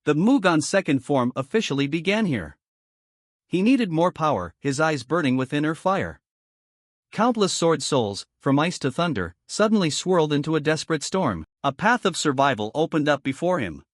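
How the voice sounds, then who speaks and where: A man narrating a comic-story recap in a steady, even, scripted storytelling voice. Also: on the high side, moderate pace, dry recording, studio quality.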